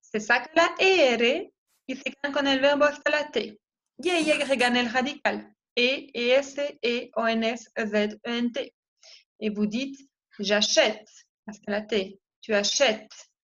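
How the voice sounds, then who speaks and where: Slow-talking woman teaching French. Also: a little high, a bit bright. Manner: spells out letters one by one, models pronunciation. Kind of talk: slow explanatory lesson. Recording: dull lo-fi recording.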